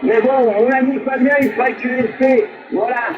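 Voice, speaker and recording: A man's voice: very high-pitched, steady tone, moderate pace. A man chatting over a CB radio link as an operator, hesitant, with lots of fillers as he passes the turn on. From France. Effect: heard over a CB radio link. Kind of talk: casual radio chat passing turns. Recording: tinny CB radio with loud crowd noise.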